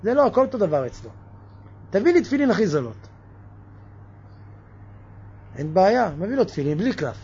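A man giving a lively religious sermon, firing off mocking rhetorical questions. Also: high-pitched, pauses often, husky, lo-fi sound. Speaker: preacher.

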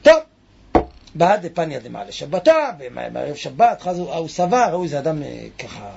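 A man teaching a Talmud lesson, reading Aramaic lines and explaining them with animated rhetorical questions to his class. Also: on the high side, vocal fry. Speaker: Torah teacher. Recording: dull lo-fi recording.

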